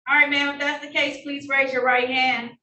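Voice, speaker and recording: A woman judge running formal hearings, brisk and polite, heard in a courtroom recording. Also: high voice, level tone, pushed and bright. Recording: echoey room heard from a distance, faint noise.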